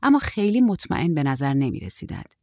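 A woman narrating an audiobook in a steady, measured reading. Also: low voice, dry recording, clean studio sound.

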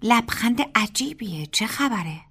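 A woman voicing a young female student in an audiobook, gossipy and teasing, speaking in a hushed, half-whispered way. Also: on the high side, lively intonation, breathy edge, heavily acted. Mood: curious. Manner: teasing, knowing. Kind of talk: audiobook character voice.

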